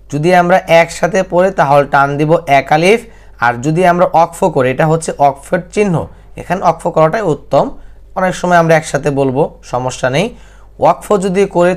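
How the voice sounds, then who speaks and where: A man teaching Quran recitation rules in Bengali, explaining plainly and then reciting verses slowly and drawn out. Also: a little high. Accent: Bangladeshi Bengali. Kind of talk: tajweed lesson, alternating explanation and slow recitation.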